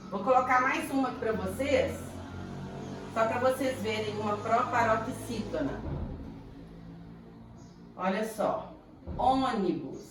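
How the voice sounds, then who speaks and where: In a very echoey room with a little ambient noise, a distant Brazilian woman with a fairly high, expressive voice teaches grammar to primary pupils. Speaking with a Brazilian Portuguese accent, she goes slowly and deliberately, stretching words to sound out each syllable.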